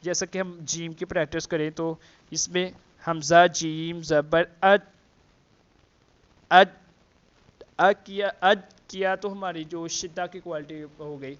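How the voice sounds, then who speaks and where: A man teaching Quran letter pronunciation, explaining slowly with many fillers and repeating the letter sounds to demonstrate. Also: fairly high pitch, flat delivery, muffled recording. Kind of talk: tajweed lesson with demonstrations.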